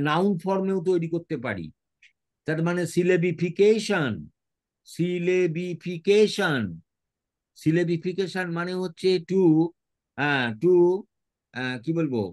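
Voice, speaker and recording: A man with a Bengali accent teaching an English lesson, reading lines slowly, then explaining and spelling words letter by letter. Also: fairly high pitch.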